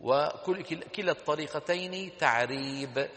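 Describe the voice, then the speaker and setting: A man reading a classical text aloud to a class, slowly dictating corrections and quizzing his students. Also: on the high side, a bit bright, in a large hall. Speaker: teacher.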